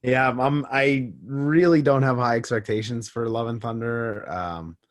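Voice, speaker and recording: A man's voice: mid-range voice, fairly even intonation, moderate pace, dry recording, studio quality. A man co-hosting a podcast in casual chat, hesitant and often repeating words as he starts. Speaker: podcast co-host.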